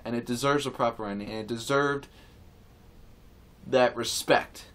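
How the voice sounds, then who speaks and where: A man of middle pitch rants to camera in a casual video. He rambles and circles back on the same phrases, with false starts and fillers throughout. His tone is earnest and indignant. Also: fairly even intonation, moderate pace, a bit bright. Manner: rambling, repetitive, with many restarts and fillers. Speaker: vlogger. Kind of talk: casual opinion rant to camera.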